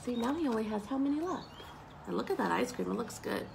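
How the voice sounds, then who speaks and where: Reading a picture book to young children, the woman, in her thirties, sounds fairly high and fast, animated with chatty asides and questions. She's on an outdoor wooden deck ringed by trees, filmed at arm's length in a noisy home video with clear outdoor ambience.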